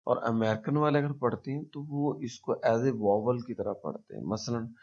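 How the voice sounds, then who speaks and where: A man with a Pakistani accent teaching a pronunciation lesson, speaking slowly and deliberately and repeating example words to demonstrate them. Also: medium pitch, darkish tone. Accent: Pakistani Urdu-speaking. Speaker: English teacher. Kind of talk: explanatory language lesson. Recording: dull lo-fi recording.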